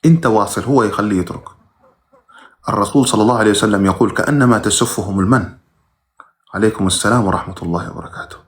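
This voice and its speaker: This lowish-voiced man teaches religion and, on a live stream, reads viewer questions aloud before giving short, plain replies punctuated by abrupt emphatic lifts.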